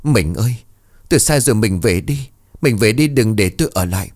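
A man's voice: on the low side, lively intonation, a little fast, darkish tone, dry recording, clean studio sound. A man voicing a grief-crazed older village chief who wails and rants. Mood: anguished pleading. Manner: wailing, ranting.

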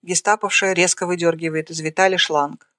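A narrator reads screenplay stage directions in a plain, even manner. The voice sits at a middling pitch and is recorded close and dry, with no room sound. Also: brisk, no room sound. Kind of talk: reading a screenplay aloud.

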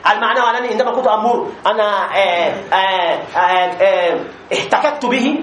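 A man teaching a grammar lesson to a class, repeating examples slowly with many drawn-out fillers and checking that students follow. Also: sits high, fairly bright tone. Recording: echoey room with faint noise.

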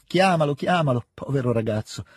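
A man's voice: medium pitch, expressive, brisk, breathy edge, no echo, studio quality. A man voicing a good-natured male partisan commander who speaks in an easygoing, indulgent way. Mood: kindly.

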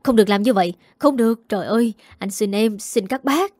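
A woman's voice: medium pitch, fairly quick, a little mellow, dry recording, close to an everyday voice. A woman voicing a confident, protective middle-aged father in a narrated story, reassuring his family. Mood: pleading.

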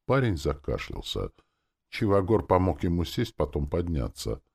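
Deep-voiced expressive male narrator. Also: moderate pace, creaky, breathy edge. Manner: expressive, dramatic reading. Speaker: audiobook narrator. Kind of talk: first-person audiobook narration.

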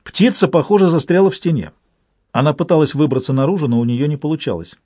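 A man narrates a story aloud in a measured, steady way. His voice is somewhat high for a man and mellow in tone. The recording is dry and close. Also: dry recording. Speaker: audiobook reader. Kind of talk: scripted narration.

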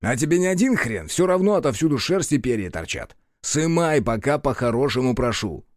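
A man's voice: mid-range voice, sing-song, a little fast, a little mellow, no room sound, clean studio sound, close to an everyday voice. A man playing a crude, bossy guardian who talks in a sarcastic, coarse way. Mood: gruff. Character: crude sardonic male guardian, bossy and mocking.

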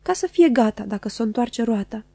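A woman's voice: fairly high pitch, expressive, gravelly, dark tone, husky, dry recording, full character voice. A woman voicing an emotional, melodramatic middle-aged wife who declaims her loyalty insistently in an audiobook. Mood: earnest. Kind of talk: audiobook character voice.

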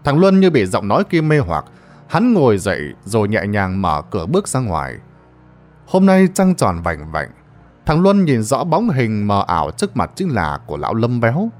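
A man narrating a ghost story in a dramatic, expressive storytelling manner. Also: lowish voice, normal speed, faint music behind.

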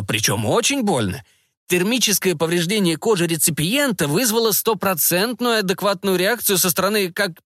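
A man's voice: on the high side, a bit bright, no echo, studio quality, voice pushed up. A man doing a fussy, hesitant scientist. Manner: halting, hums "m" mid-sentence. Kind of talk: audiobook character voice.

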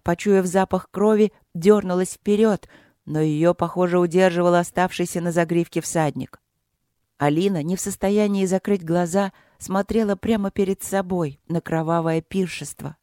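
A narrator reads a story aloud in a steady, measured way. The voice sits in a middle register. It is recorded close to the mic in a dry space with no room sound. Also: mid-range voice, no echo. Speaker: audiobook narrator. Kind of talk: scripted narration.

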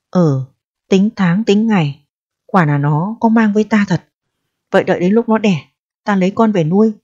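A woman's voice: medium pitch, a little mellow, dry recording, natural voice. A woman reading the lines of an evasive, self-serving young lover who coaxes and schemes in a storybook reading. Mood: scheming. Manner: coaxing, then coldly calculating. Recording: dull, dry audio.

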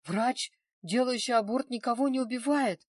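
A woman's voice: a little high, normal speed, dry recording, lightly acted. Woman doing a rattled doctor guy arguing back, insistent, dry sound. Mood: defensive. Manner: defensive, insistent. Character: flustered male doctor defending himself. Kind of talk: audiobook reading.

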